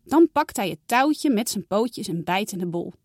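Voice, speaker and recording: A woman storyteller reading a children's animal story aloud in a lively, expressive way. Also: mid-range voice, normal speed, husky, no room sound, studio quality.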